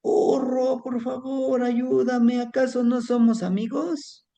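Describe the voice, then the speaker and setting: A man voicing a smug, vain young male pig in a told folk tale, who turns to shrill pleading when caught. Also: big pitch swings, unhurried, a little mellow.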